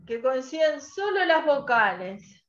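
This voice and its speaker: A woman's voice: high-pitched, sing-song, fairly bright tone. Patient woman teaching online. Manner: patient, quizzing students, spelling out sounds slowly. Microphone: video call. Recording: muffled online call audio.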